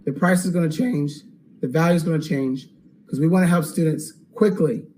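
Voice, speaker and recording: Guy hosting a live sales webinar, high voice, going hoarse, keeps saying okay, bit of background hiss. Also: fairly quick, mellow, low-quality recording. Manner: upbeat, salesy, repeats "okay?" often. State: losing his voice. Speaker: online course host.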